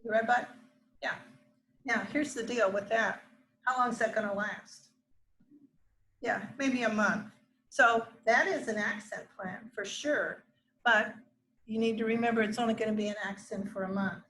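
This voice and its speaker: A woman's voice: fairly high pitch, moderate pace, pauses often, fairly bright tone, low-quality recording. A middle-aged woman teaching a gardening class to a room of learners, chatting freely with asides and restarts. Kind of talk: informal classroom lecture. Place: classroom with a live audience.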